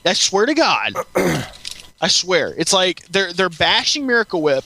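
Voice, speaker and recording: A man's voice: sits high, very animated, a little slow, bright, forceful tone, a little hiss or hum. A man co-hosting a casual podcast, rambling and ranting with lots of restarts. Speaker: podcast co-host.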